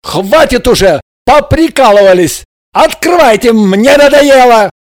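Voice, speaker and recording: Furious hot-tempered young man, shouting, high strained voice, dry distant sound, put on by a male reader. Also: expressive, measured pace, dry recording. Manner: shouting, barking.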